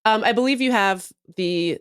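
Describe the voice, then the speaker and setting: A woman's voice: medium pitch, moderate pace, clear, resonant tone, no echo, studio quality. A woman co-hosting a casual podcast livestream, laughing often as she talks. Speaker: podcast co-host.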